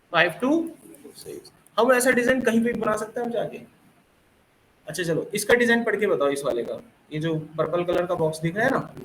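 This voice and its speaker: A man's voice: high-pitched, fairly bright tone. A male coding teacher giving a recorded classroom lecture, mixing Hindi with English phrases, explaining with everyday analogies and quizzing his students. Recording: roomy classroom with faint background noise.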